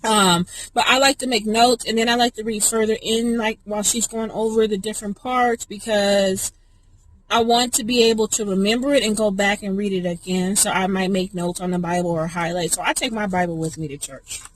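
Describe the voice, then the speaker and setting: A woman's voice: medium pitch, steady tone, brisk, low-quality recording. Chatty woman talking while she eats. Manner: chatty, rambling, talks while eating. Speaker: vlogger. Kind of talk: casual mukbang chat.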